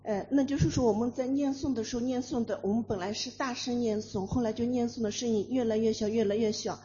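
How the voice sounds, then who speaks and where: A woman's voice: fairly high pitch, steady tone, very slow, dark tone. A woman at a meditation session asking the teacher a question, hesitant and searching for her words. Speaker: retreat participant asking a question. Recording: dull lo-fi recording with faint room noise.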